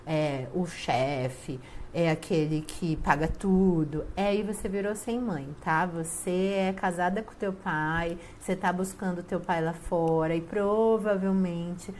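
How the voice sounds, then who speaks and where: A woman's voice: fairly low pitch, takes it slowly, hardly any pauses, darkish tone, slight background noise. A woman with a Brazilian Portuguese accent, giving a spiritual talk and telling personal stories emphatically, acting out quoted dialogue. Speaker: spiritual family-systems teacher. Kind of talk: casual spiritual talk to viewers.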